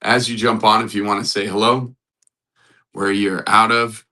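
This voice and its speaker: Man, live-stream host, crisp bright tone, upbeat, chuckles often, repetitive motivational talk. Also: fairly low pitch, flat delivery, normal speed, rough recording. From United States. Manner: upbeat, greets chat viewers by name, frequent chuckles. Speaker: livestream host and matchmaker.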